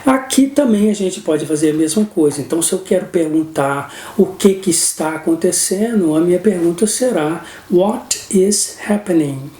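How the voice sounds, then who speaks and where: A man with a Brazilian Portuguese accent teaches an English grammar lesson, explaining patiently and often checking in with "não é?". His voice sits high, animated and warm, at a normal speed with hardly any pauses, and the recording has a roomy echo.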